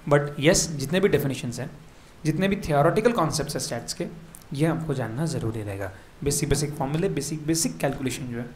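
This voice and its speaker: A fairly high-pitched man with an Indian accent leads an exam revision class. He repeats the key terms and keeps asking his students quick questions, over a faint ambient hiss. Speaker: teacher.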